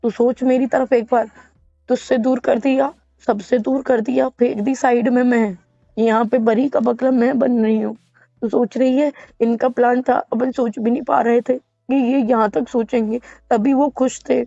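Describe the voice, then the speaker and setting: On a private phone call, a woman speaks emotionally and casually, sounding aggrieved and insistent as she repeats her points. Her voice is a little high, steady, creaky, and mellow at a moderate pace. The dry, dull lo-fi phone recording has music behind it.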